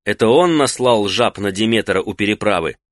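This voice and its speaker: A blunt young warrior with a rough, plain-spoken way of talking, as a male narrator voices him. The voice is low and sits close to the mic in a dry, dead space. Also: animated, normal speed, no room sound, close to an everyday voice. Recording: dry close studio sound.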